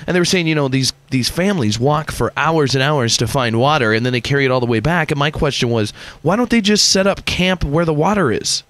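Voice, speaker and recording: A man's voice: a little high, lively intonation, brisk, few pauses, fairly bright tone, dry recording. A man hosting a radio show, asking guests questions in a casual, stumbling way. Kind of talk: radio interview.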